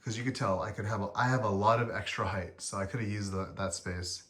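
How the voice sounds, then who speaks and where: Low-voiced man rambling through his collection. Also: fairly even intonation, fast talker, a bit bright, slightly rough. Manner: rambling, self-correcting, chatty with frequent ums. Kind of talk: casual vlog walkthrough.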